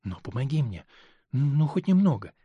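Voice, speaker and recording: A male reader voicing a torn, pleading married woman in an audiobook, speaking softly. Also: medium pitch, big pitch swings, moderate pace, husky, dry recording, narrow, tinny audio. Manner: soft and pleading. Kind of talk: audiobook character reading.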